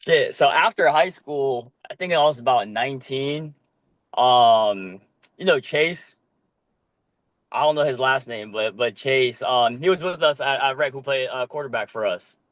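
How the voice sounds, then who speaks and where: A man's voice: mid-range voice, unhurried, no echo. Guest, young man, loose and easygoing, lots of filler, dry close sound. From Korea. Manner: relaxed, loose, with many ums and casual swearing. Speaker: podcast guest, flag football player. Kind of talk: casual chat.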